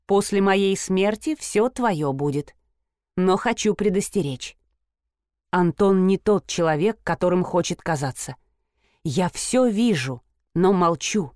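A scornful, sharp-tongued older mother, as a woman reader puts her on, brushing things off with biting sarcasm. The reading is dry and close-miked, with no room sound. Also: lowish voice, lively intonation, a little slow, no room sound. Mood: dismissive. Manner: caustic, dismissive, scornful.

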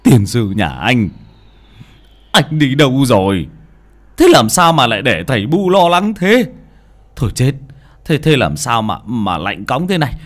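A man's voice: mid-range voice, very animated, measured pace, long pauses. A man voicing an anxious, scolding old peasant father who stammers and repeats himself. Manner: flustered, stammering repetitions.

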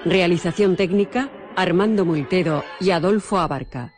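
A woman's voice: fairly low pitch, moderate pace. A woman with a Spain accent reading scripted radio credits as an announcer. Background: loud music.

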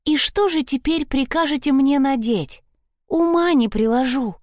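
A woman's voice: high-pitched, unhurried, a little mellow, no echo, clean studio sound, voice pushed up. A woman narrator voicing a vain, defiant teenage girl who talks down to others. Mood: haughty. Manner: haughty, provocative.

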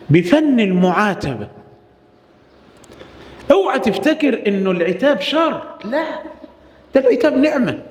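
A man with an Egyptian accent preaching a Friday sermon, impassioned, asking rhetorical questions and stretching some phrases out slowly. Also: sits high. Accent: Egyptian Arabic. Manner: impassioned, rhetorical questions, swings between drawn-out and rapid phrases. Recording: echoey hall reverb.

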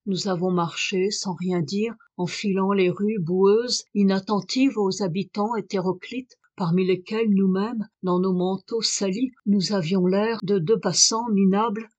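A woman's voice: mid-range voice, dull audio. Woman reading a novel aloud. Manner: measured, expressive reading. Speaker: audiobook reader. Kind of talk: scripted literary narration.

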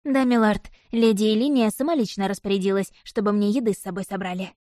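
A woman's voice: mid-range voice, fairly even intonation, mellow, dry recording, studio quality, lightly acted. A woman reading an audiobook voices a polite, eager young male messenger who answers his lord readily and deferentially. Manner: deferential, brisk and willing.

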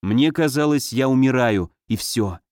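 A man narrating a first-person story in a steady, measured reading, on a close studio mic. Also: mid-range voice, no echo. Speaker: audiobook reader.

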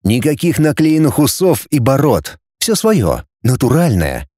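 Expressive male storybook narrator. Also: medium pitch, measured pace, no room sound, clean studio sound. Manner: expressive reading. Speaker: audiobook narrator.

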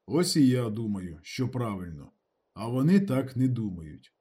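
A man voicing a calm, injured man who talks slowly and deliberately. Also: mid-range voice, slightly rough. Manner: slow and deliberate. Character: calm injured man, threatening when pushed.

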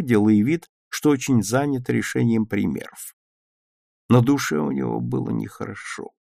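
A man narrating a children's story aloud in an expressive, lively reading style. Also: medium pitch, vocal fry, no room sound, studio quality.

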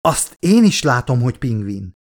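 A jumpy, easily startled man cries out in sudden high bursts, as an audiobook narrator puts him on. He sounds panicky and jittery, his voice sitting in an ordinary middle range. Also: sing-song. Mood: relieved. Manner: high-pitched, panicky outbursts.

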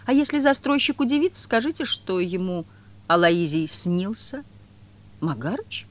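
A reader voicing a sly, fawning male trickster who speaks in quick exclamations. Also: medium pitch, expressive, pitched above the performer's own voice, close to an everyday voice.

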